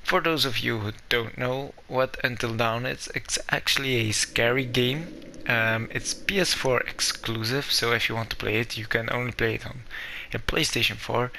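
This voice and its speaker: A young Belgian gaming YouTuber with a Flemish accent, whose first language is Dutch, gives hesitant, apologetic let's-play commentary in English. His mid-range voice is creaky, pushed, and bright, with fairly even intonation at a moderate pace. Game music plays underneath.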